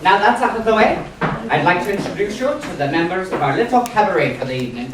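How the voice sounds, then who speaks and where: A man hosting a pub cabaret with lively stage banter, slipping into jokey Irish pub patter. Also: high voice, fast talker, far from the mic. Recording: echoey room recorded from afar, background noise.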